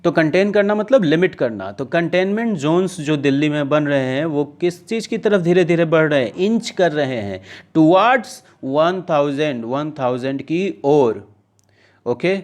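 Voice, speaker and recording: A man teaches English vocabulary to exam students, reading news lines slowly and then explaining them conversationally with checking questions. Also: on the high side, animated. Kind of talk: casual classroom-style lesson, mixing Hindi and English.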